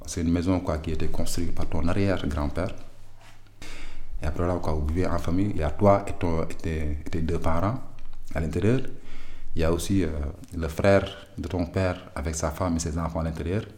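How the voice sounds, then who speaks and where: Recalling his past in an interview, a man from Senegal speaks with a Senegalese French accent, hesitating often with fillers and restarts. His low voice is steady and a little mellow, at a normal speed.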